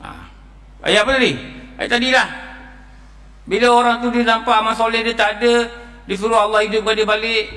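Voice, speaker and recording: Malaysian Malay preacher in a reverberant mosque. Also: male voice, extremely high pitch, level tone, a little fast, pauses often, bright, forceful tone. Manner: storytelling, quotes Quranic verses in a chanting tone. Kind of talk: mosque dawn lecture. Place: mosque hall. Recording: long reverb of a mosque hall.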